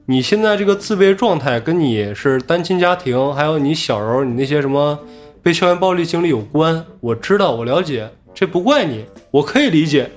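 A man casually telling a story from his own life on a podcast, animated and acting out what others said. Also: fairly high pitch, fairly quick, soft background music. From Inner Mongolia.

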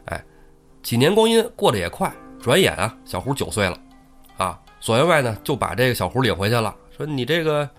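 A man tells an old tale in a chatty podcast style, checking in with his co-host as he goes. His delivery is fast and his pitch swings widely. Faint music plays underneath. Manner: animated, chatty, asks listener for agreement. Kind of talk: casual storytelling.

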